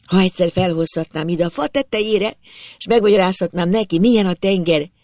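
A reader narrating a first-person storybook tale in an expressive storytelling manner. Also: mid-range voice, no echo.

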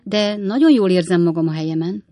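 Old dad, calm and wry, pipe-smoking type, woman reading him. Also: on the low side, no echo, close to an everyday voice. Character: dry-humored older man, pipe-smoking father.

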